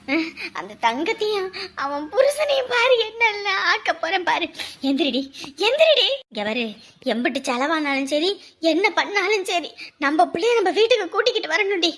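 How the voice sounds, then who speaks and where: A woman's voice: very high voice, a bit bright. An actress playing a fierce, protective village grandmother who scolds and exclaims in rural colloquial speech. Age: older. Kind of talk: TV serial acting.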